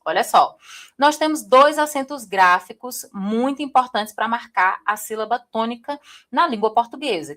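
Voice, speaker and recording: A woman from Brazil teaching a live online writing class, talking straight to her viewers and often checking in with them. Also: mid-range voice. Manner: lively, addresses viewers directly, frequent "tá?" check-ins.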